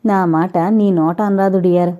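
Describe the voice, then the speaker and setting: A woman's voice: on the low side, steady tone, a little slow, warm tone, close to an everyday voice. A woman voicing a playful, affectionate young husband in an audiobook. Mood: teasing. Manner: playful, teasing.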